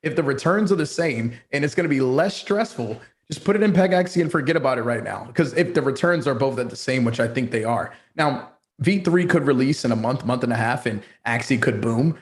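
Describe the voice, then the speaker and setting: A man appearing as a guest, a guild founder, talking in an animated, playful way with slangy asides in a casual chat. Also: medium pitch, a little fast, hardly any pauses.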